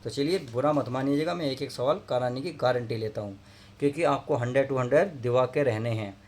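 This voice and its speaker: A man's voice: mid-range voice, brisk. A male math teacher who explains each step and keeps asking his students questions. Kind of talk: classroom lesson. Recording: faint background noise.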